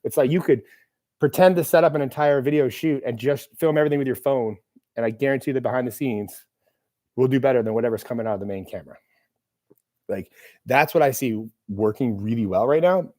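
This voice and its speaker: A man's voice: mid-range voice, brisk, dark tone. A man hosting a live Q&A, talking casually in a rambling, self-deprecating way with plenty of fillers. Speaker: host of a live Q&A. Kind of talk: casual live-stream chat. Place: room with a camera operator.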